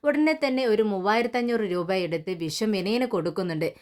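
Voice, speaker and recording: A woman's voice: medium pitch, lively intonation, fairly quick. A woman narrating a recap of a TV serial in her own voice-over, quoting the characters' lines with frequent self-corrections. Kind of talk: casual retelling of a TV serial.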